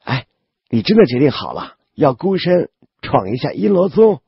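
A man's voice: fairly high pitch, sing-song, moderate pace, vocal fry, slightly rough, highs cut off, faint music behind, voice pushed up, full character voice. A man voicing a shrewd boy spirit companion in an audiobook, asking probing, wry questions.

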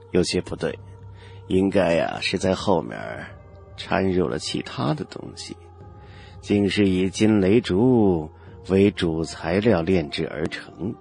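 A deep, unhurried old elder of a storybook cultivation tale, as a male narrator puts him on. He murmurs half to himself, drawing out his words. The voice sits below the reader's own, with soft music faintly behind. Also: vocal fry, slightly rough, exaggerated voice. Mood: musing. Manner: slow, low, muttering to himself.

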